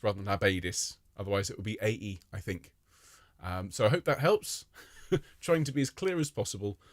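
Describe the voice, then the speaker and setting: A man's voice: on the low side, no room sound, clean studio sound. A man, leading a live online choir rehearsal, greeting singers by name with friendly jokes and chatter.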